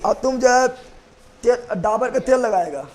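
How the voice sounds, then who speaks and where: A man's voice: very high voice, expressive, unhurried, a little mellow. A man teaching history to a class, repeating points, quizzing students and joking with rhymes. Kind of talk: classroom lecture with mnemonics.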